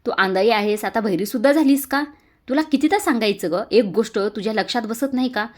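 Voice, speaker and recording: A harsh, scolding aunt from a retold serial scene, berating someone at full shout, as a woman reads her lines. The voice sits a little on the low side. The anger stays hard and steady throughout. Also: normal speed, lightly acted.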